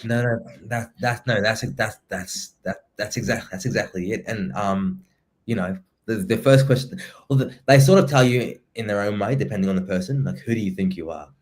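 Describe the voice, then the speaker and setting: A man from Somalia, hosting a casual podcast interview and speaking haltingly, with many restarts and repeated words. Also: on the low side. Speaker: podcast host, writer and poet.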